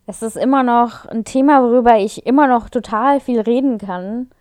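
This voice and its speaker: A woman's voice: on the high side, normal speed, darkish tone, smooth, dry recording, clean studio sound. A young woman chatting casually on a podcast, telling a story, her voice distorted because her microphone is overdriven. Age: young adult. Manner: chatty, storytelling, laughs easily. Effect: clipping, overdriven mic distortion. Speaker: podcast co-host. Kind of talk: casual chat. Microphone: own microphone, too close or too hot.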